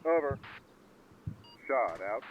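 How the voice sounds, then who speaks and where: Game soldier calling mortar strikes, animated mid-range voice, slow emphatic radio calls, heavy gunfire behind. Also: male voice, medium pitch, lo-fi sound, very noisy. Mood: urgent. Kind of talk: emphatic military radio procedure. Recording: loud gunfire and artillery over voice. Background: gunfire, artillery.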